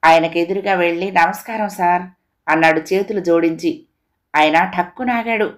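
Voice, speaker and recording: A woman storyteller reads a moral tale for children. Her delivery is steady and expressive, paced for young listeners. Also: on the low side, moderate pace.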